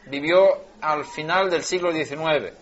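A man gives a verse-by-verse Bible lesson in a slightly high voice, his pitch and volume climbing whenever he presses a point. He often restarts words mid-phrase. The recording sounds dull and lo-fi. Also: a little slow, a bit bright. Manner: rises in pitch and volume when stressing a verse. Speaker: Bible teacher.

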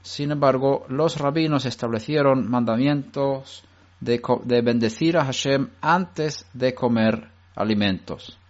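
A man's voice: mid-range voice, measured pace, lo-fi sound. A man giving a religious teaching talk, explaining step by step with frequent restarts and hesitations.

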